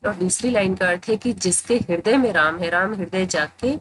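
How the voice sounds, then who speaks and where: A woman teaching Hindi grammar in a tutorial, explaining patiently and repeating phrases to make each point clear. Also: mid-range voice, normal speed, slight background noise, poor audio.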